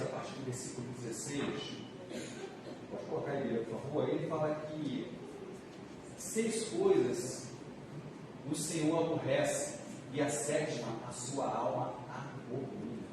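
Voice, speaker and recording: A man with a Brazilian accent preaching a church sermon as a pastor, repeating phrases with drawn-out emphasis. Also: medium pitch. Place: large reverberant church room. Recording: echoey hall, distant mic, noisy.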